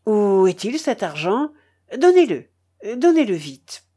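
A woman's voice: fairly high pitch, big pitch swings, unhurried, a little mellow. A woman reading the part of a proud, self-pitying male hanger-on in a storybook, with melodramatic outbursts and wounded dignity. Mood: indignant.

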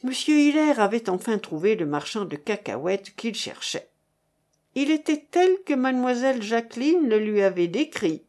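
A woman narrating a novel aloud in an expressive reading style. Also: fairly high pitch, moderate pace.

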